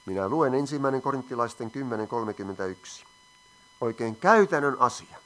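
A man's voice: medium pitch, animated, fairly bright tone. A man preaching a sermon, reading scripture aloud and asking the congregation questions. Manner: asks the audience questions, reads scripture aloud.

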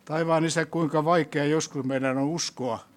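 A man preaching a sermon in a church, asking the congregation questions and rising to loud, emphatic peaks before closing in prayer. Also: a little high, steady tone.

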